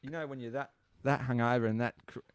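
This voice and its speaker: A man's voice: medium pitch, steady tone, fast, clean tone, no room sound. A young Australian man telling a rambling, crude story in casual podcast chat, laughing as he goes.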